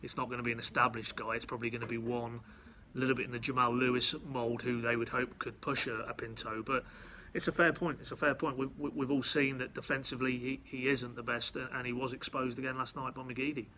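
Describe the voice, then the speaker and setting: Bright, flat-toned male football correspondent. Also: medium pitch, fast, hardly any pauses, slight background noise. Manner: analytical, stumbles and repeats words. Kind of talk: casual football podcast chat.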